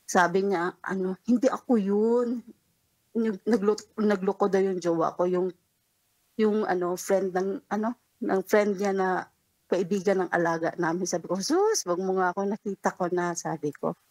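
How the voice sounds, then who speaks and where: A woman's voice: mid-range voice, steady tone, normal speed, darkish tone, low-quality recording. A young woman calls in to a late-night radio show to confide a personal story. She rambles, restarts, and acts out each line of dialogue. Nervous little laughs keep breaking through. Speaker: caller.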